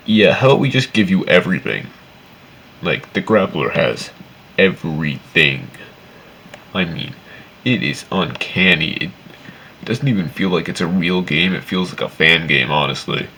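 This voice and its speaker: A man's voice: a bass voice, gravelly, bright, forceful tone, slight background noise. A man giving casual, opinionated game commentary in a rambling, sweary, complaining way. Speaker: video game reviewer.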